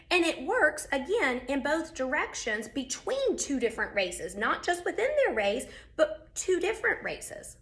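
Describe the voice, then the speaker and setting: A woman's voice: high-pitched, fairly bright tone. A middle-aged woman teaching a recorded real estate lecture, direct and emphatic, repeating her key points.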